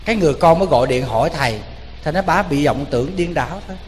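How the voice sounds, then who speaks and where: Joking Southern Vietnamese monk in a reverberant hall. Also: male voice, a little high, very fast. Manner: lively, joking, addresses the audience directly. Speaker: Buddhist monk. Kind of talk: storytelling sermon. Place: temple hall. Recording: long hall reverb with faint noise.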